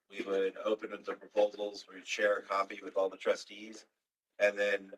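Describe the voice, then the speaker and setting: A man on town staff explaining meeting procedure in a casual, halting way. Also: fairly low pitch, a bit bright. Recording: roomy hall, mic far off.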